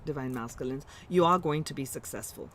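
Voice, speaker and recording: Her voice is very deep and brisk, slight noise in the background, as she conducts a live tarot session. With an Indian accent, she thinks out loud, comforts her audience warmly, and often stops mid-thought to begin again.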